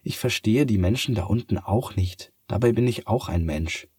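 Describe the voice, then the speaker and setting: A man's voice: on the low side, moderate pace, darkish tone, slightly rough, dry recording, clean studio sound. A man voicing a sleepless, stubborn young girl in a bedtime story, asking doubtful questions.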